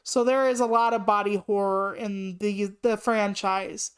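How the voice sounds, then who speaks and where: A woman's voice: medium pitch, fairly even intonation, measured pace, smooth. A woman in her late thirties chatting casually on a live stream, rambling through asides and swearing freely. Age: 30s. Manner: rambling asides with many "like" fillers.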